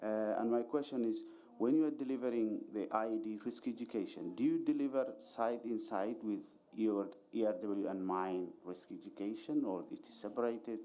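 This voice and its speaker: A man from Somalia speaking from the conference floor, polite and deliberate, with frequent hesitant pauses. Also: fairly low pitch, dark tone. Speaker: audience member asking questions.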